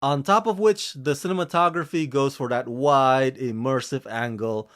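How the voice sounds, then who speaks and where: This film reviewer and channel host, a man from Indonesia, delivers a scripted series review at normal speed in a slightly bright voice. He gushes emphatically, his pitch and pace swinging often.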